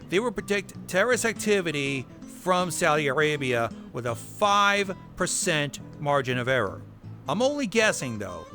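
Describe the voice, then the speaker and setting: A video host with a slightly high, pushed, bright voice narrates a recap of a horror web series. He drops wry asides and casual swearing, with a music bed playing underneath.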